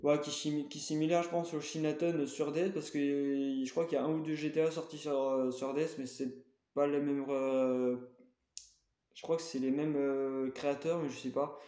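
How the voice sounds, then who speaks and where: A man's voice: on the high side, little pitch movement, moderate pace, warm tone, roomy sound. A man showing his game collection in a casual, hesitant way, full of fillers and self-corrections. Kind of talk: casual show-and-tell.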